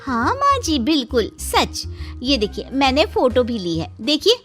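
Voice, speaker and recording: A woman's voice: high-pitched, huge pitch swings, measured pace, fairly bright tone, faint music behind, exaggerated voice. Woman doing a nosy young cartoon daughter-in-law. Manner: prying, complaining tone. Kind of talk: cartoon voice acting.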